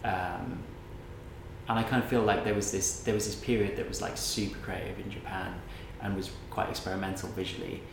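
A man's voice: deep voice, little pitch movement, a little fast, gravelly. A man hosting a casual chat, rambling and reflective with many fillers. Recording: roomy echo, background noise.

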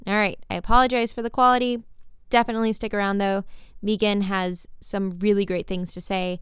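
A woman's voice: medium pitch, little pitch movement, a little fast, clear, resonant tone, dry recording, clean studio sound. A woman podcast host recording from under a blanket on her bedroom floor, talking to her listeners in a chatty, rambling, apologetic way. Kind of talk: casual spoken apology to listeners.

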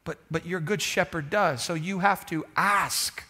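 A man's voice: sits high, measured pace, sharp tone. A man preaching a conversational sermon as a pastor, emphatic and repeating phrases for effect.

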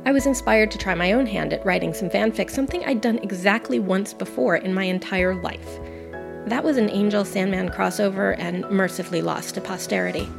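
A woman's voice: mid-range voice, a little fast, gravelly. Woman reading an earnest essay over music. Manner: earnest, enthusiastic, reflective. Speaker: guest podcaster. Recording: music playing under the voice. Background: background music.

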